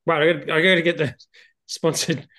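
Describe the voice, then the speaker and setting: An Australian man chats quickly and bluntly, with plenty of casual swearing. His voice sits a little high for a man. He sounds informal, like a co-host swapping stories with a friend. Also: flat delivery, bright, forceful tone. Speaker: beer show co-host. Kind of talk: casual chat and anecdote.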